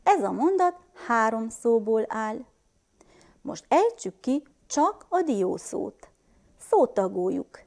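In a first-grade reading class, a woman with a Transylvanian Hungarian accent slowly sounds out words and quizzes the children. Her voice runs on the high side, gravelly and darkish, and she's very animated.

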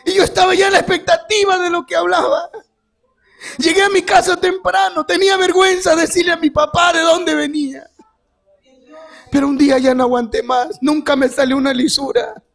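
A man giving a fervent testimony sermon as guest preacher, rising to shouts and calling out to his brothers. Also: very high voice, little pitch movement, normal speed, creaky.

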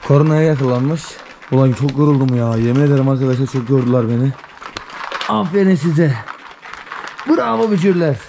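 A man doing casual vlog commentary, talking excitedly to puppies as he feeds them. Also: a little high, a little hiss or hum. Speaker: vlogger.

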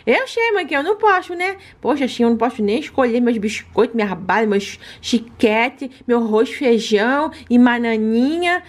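A woman's voice: a little high, expressive, normal speed, few pauses, lightly acted. A woman voicing a greedy, talkative baby girl doll, in a toy play video. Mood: pleading. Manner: cheeky, pleading, talkative.

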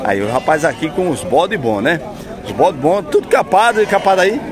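High-voiced man vlogging. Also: sing-song, normal speed. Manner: chatty, upbeat, asks prices and repeats them. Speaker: vlogger touring a livestock market. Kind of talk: casual walk-around vlog with interviews. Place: crowded outdoor goat market. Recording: loud market crowd behind.

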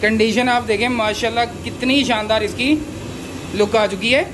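Man calmly narrating a noisy outdoor cooking demo. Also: high voice, moderate pace. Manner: calm step-by-step explaining. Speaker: cooking channel host.

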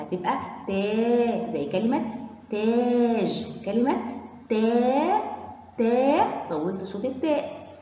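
Egyptian woman teacher for young kids, sing-song and drawn-out, mellow voice, dull echoey hall recording. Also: medium pitch. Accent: Egyptian Arabic. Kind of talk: children's letter lesson.

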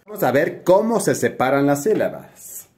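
A man's voice: fairly high pitch, big pitch swings, normal speed, darkish tone. A man from Ecuador, a spelling teacher, explaining grammar rules step by step in a video tutorial and checking in with the viewer as he goes.

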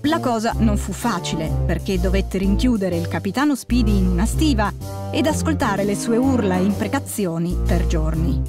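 A woman narrating a musical tale for concert band in a clear, measured storytelling voice. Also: medium pitch, animated. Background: faint concert band music.

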